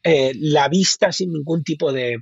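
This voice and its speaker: A man's voice: on the high side, measured pace, creaky, slightly rough, no echo, muffled recording. A man from Spain with a Spanish accent, a bike fitting expert talking keenly in an interview, often repeating and restarting words. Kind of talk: casual interview talk.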